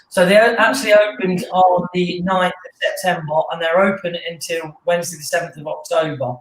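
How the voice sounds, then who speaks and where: Higher-pitched man in an echoey room. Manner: relaxed and explanatory, with frequent fillers. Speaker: student union staff coordinator. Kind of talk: casual online panel chat. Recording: roomy echo.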